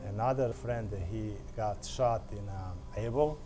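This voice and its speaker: A middle-aged man from Bosnia and Herzegovina with a Bosnian accent, speaking halting broken English with many pauses in an interview, recorded on a lapel mic in a bakery. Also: fairly low pitch, over music. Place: indoor bakery.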